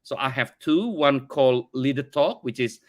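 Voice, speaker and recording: A middle-aged Indonesian company CEO, speaking English as a second language, earnestly tells his story as a podcast guest in a conversational interview. He often repeats words while searching for phrasing, and his mid-range voice has lively intonation at a normal speed.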